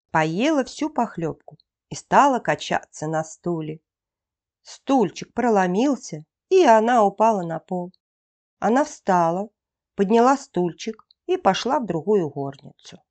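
A woman narrating a fairy tale for children in a calm, expressive storytelling voice. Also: mid-range voice.

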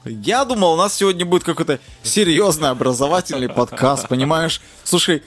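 A man's voice: fairly high pitch, animated, fairly quick, soft background music. Young man bantering as podcast co-host. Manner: slangy, bantering. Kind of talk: casual joking chat.

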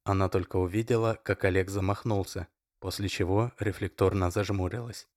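A man narrating an audiobook in an even, measured storytelling manner. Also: low-pitched, no room sound, clean studio sound. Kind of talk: scripted narration.

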